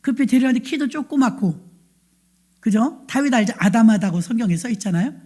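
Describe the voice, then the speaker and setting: A woman's voice: fairly high pitch, animated, a little fast, dark tone. A middle-aged woman pastor preaching a sermon, telling the story with animation and asking the congregation questions.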